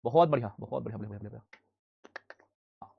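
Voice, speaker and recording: A man runs a live online class and drills facts at a rapid clip. He keeps asking rhetorical questions and repeating the answers. His voice is husky and a little high, and the dry recording sounds muffled. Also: no room sound. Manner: scolds students loudly at times. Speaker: online exam-prep teacher.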